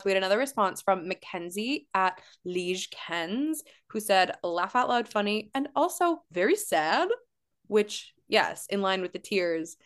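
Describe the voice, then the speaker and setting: A woman co-hosting a casual podcast, animated and laughing, often mock-outraged. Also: medium pitch, measured pace. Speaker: podcast co-host.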